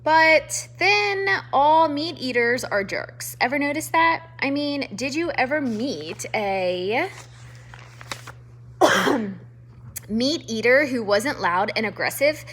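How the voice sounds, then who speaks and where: A woman voicing a grumpy old male porcupine who talks loudly and insults everyone, in a storybook reading. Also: high-pitched, big pitch swings, takes it slowly, full character voice. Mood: scornful. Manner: loud, scornful, insulting. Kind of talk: storybook read-aloud.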